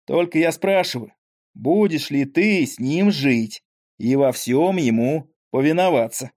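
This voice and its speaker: A man's voice: fairly high pitch, animated, a little slow, a little mellow. A man voicing a frail, talkative old father with a weak voice and rambling folksy speech, in an audiobook. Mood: weak, tender.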